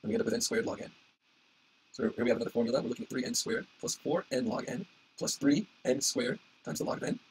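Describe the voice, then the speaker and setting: A man giving an informal tutorial as an instructor, with a husky, strained voice that is giving out. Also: medium pitch, animated, quick pace, slight background noise, low-quality recording. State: losing his voice, hoarse. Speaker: instructor explaining algorithm analysis.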